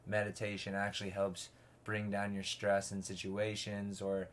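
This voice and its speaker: A man's voice: lowish voice, completely flat delivery, normal speed. A man in casual podcast conversation, rambling and peppering his talk with "like" and restarts.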